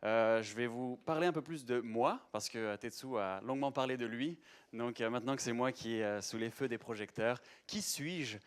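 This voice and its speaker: A man's voice: medium pitch, normal speed, clear, resonant tone. A young man giving a live presentation to an audience in a lecture room, chatty, with many hesitations and restarts. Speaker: conference speaker.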